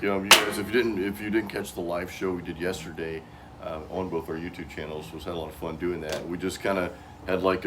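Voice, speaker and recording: A man's voice: low-pitched, background noise. A middle-aged American man hosting a casual, informal chat in loose, slangy speech. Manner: informal, peppered with "dude" and "man". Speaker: host.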